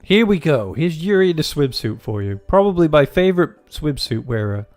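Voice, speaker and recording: A man narrates his farming game session for a gaming video, cracking crude jokes in loose, rambling commentary with many restarted sentences; faint game music plays underneath. He speaks at normal speed in a fairly high, a little mellow voice with big pitch swings and no room sound.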